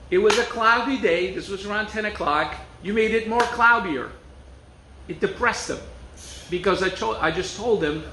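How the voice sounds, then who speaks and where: A pastor from Turkey delivers a sermon in a chatty, storytelling manner, asking rhetorical questions. His voice sits high and a bit bright, and the room is echoey with faint noise.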